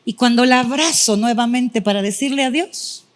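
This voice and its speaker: A woman's voice: fairly high pitch, normal speed. A middle-aged woman preacher giving a sermon testimony, telling her story with feeling and acting out her own past prayers.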